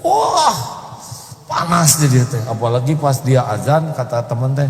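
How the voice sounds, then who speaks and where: A man giving a humorous sermon, acting out mothers and children in high squeaky voices. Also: sing-song, measured pace, gravelly. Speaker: preacher. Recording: echoey hall with faint noise.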